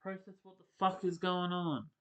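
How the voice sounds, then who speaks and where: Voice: mid-range voice, fairly even intonation, normal speed, fairly bright tone, clear, resonant tone, lo-fi sound. A reaction host giving casual commentary on a horror story, blunt and exclamatory, with frequent swearing.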